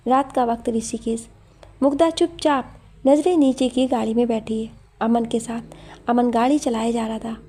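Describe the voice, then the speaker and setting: A woman narrating a scripted story in a calm, steady manner. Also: fairly high pitch, husky.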